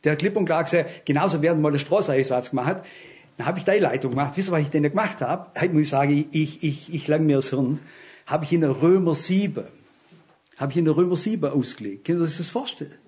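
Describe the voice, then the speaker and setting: A man preaches at a Bible study, his voice sitting a little high for a man. He talks earnestly, telling anecdotes and turning to the listeners with direct questions. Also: fast, darkish tone. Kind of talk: sermon.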